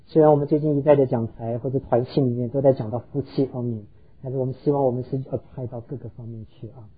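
A male pastor preaching an earnest sermon to his congregation, telling stories and pausing on hesitant fillers. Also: medium pitch, breathy edge, phone-quality sound.

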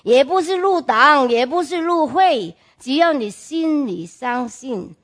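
A woman with a high-pitched, somewhat bright voice talks slowly with lively intonation while giving her church testimony. She is earnest and emphatic, regularly posing direct questions to the congregation and using some English words.

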